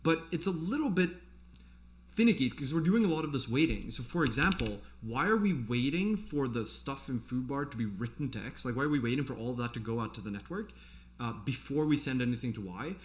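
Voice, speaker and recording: A man giving an informal programming tutorial, thinking aloud in a conversational way as he explains. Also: mid-range voice. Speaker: programming instructor. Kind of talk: informal live coding tutorial, explaining off the cuff.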